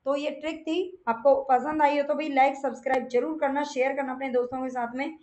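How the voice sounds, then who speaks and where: A woman teaching a Hindi grammar revision lesson for exams, often asking a question and answering it herself. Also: sits high. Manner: repetitive, asks and answers own questions.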